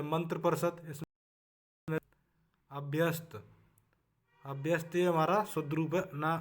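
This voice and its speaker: A man with a Hindi accent leads a spelling lesson for exam preparation in a fairly high voice. He repeats each word as a drill, and his voice often drops away at the end of a line. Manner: drills words, often trails off softly at line ends. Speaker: exam-prep teacher.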